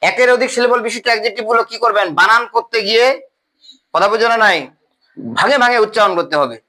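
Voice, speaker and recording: A man with a high, bright voice lectures a class on grammar. He spells words out letter by letter and keeps stopping to ask whether the students follow. He talks the way a teacher does at the front of a classroom. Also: fast, low-quality recording. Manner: repetitive, checks often with the class, spells out letters.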